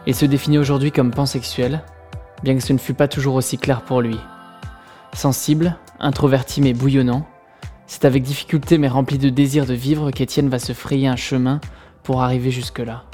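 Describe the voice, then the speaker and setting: A man hosting a podcast, reading a scripted introduction in a measured way. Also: mid-range voice, mellow. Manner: measured, read-aloud delivery. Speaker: podcast host. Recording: faint music bed behind. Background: faint music.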